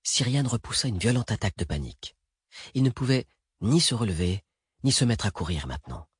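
A man narrating an action thriller audiobook in a steady, even read. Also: lowish voice, brisk, husky, no echo. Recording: dry close recording.

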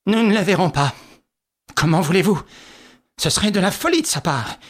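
A man's voice: sits high, expressive, moderate pace, pitched above the performer's own voice. A man reading the part of an anxious, protesting middle-aged lawyer in an audiobook. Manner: nervous, protesting.

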